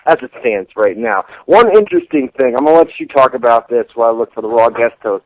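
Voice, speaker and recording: A man's voice: medium pitch, darkish tone, no echo, highs cut off. A man hosting a casual wrestling talk radio show, chatty and loose, swearing offhandedly.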